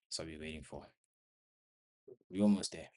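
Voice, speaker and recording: Young male trading vlogger, low voice, short choppy live commentary, slightly winded. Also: moderate pace, darkish tone. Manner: talks to viewers while watching the screen, in short broken phrases. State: out of breath. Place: bedroom at home.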